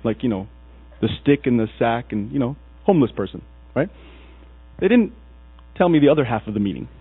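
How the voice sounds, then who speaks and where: A man from Egypt gives a storytelling sermon in a mid-range voice at a fairly quick pace, animatedly playing the characters he quotes. The recording is dry, tinny and phone-like, with mains hum behind his husky voice.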